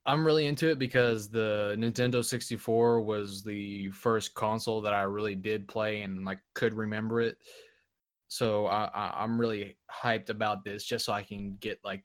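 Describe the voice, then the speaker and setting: A man's voice: fairly low pitch, fairly even intonation, a little slow, no room sound, studio quality. A man co-hosting a casual gaming podcast, talking with eager enthusiasm. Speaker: podcast co-host.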